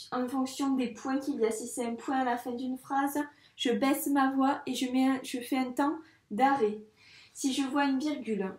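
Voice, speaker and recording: A woman teaching a reading lesson to young children, speaking slowly and patiently with careful articulation. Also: sits high, a little mellow, echoey room. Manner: slow, patient, clearly articulated. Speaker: first-grade teacher.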